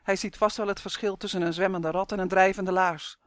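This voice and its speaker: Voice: medium pitch, steady tone, a little fast, dry recording, studio quality, lightly acted. Narrator voicing a carefree, daring young adventurer. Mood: teasing. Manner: breezy, teasing, upbeat.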